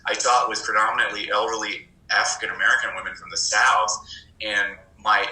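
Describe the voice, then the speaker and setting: Bright-voiced man telling animated stories. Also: on the low side, a little fast, roomy sound, rough recording. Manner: animated anecdotes, often mimics voices. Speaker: interview guest, former ESL teacher. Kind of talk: conversational interview storytelling.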